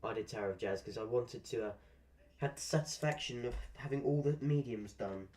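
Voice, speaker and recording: A man with a medium-pitched, slightly mellow voice talks briskly into a desk microphone while live-streaming a game. He chats casually, rambles through asides, and swears at the game now and then.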